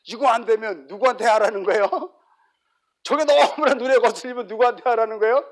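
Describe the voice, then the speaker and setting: High-voiced man preaching with lively swings. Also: a little fast. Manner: lively, acts out everyday quotes, sudden drops to soft asides. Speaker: pastor. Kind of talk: sermon.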